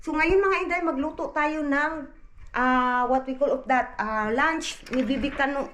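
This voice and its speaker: A woman's voice: high voice, measured pace, fairly bright tone, a little hiss or hum. A woman from the Philippines, chatting casually in a home vlog as a mother, constantly addressing her viewers as "day" and "inday". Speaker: vlogger mother. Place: at home indoors.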